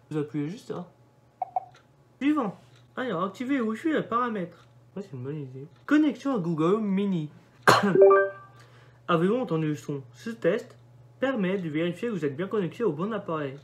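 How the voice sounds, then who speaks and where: A man's voice: high voice, animated, normal speed, a little hiss or hum. A young man walks through a device setup in a casual commentary. He reads each prompt aloud and mutters offhand remarks between them. The recording sounds like it was made on a phone mic. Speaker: vlogger doing a device setup.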